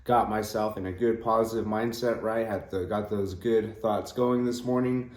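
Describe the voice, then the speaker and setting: A man's voice: lowish voice, fairly even intonation, moderate pace. A groggy man giving a casual motivational vlog chat early in the morning, rambling and trailing off as he goes. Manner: rambling, trailing off, frequent 'you know'. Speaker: host of a daily cold plunge vlog. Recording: roomy, echoing sound.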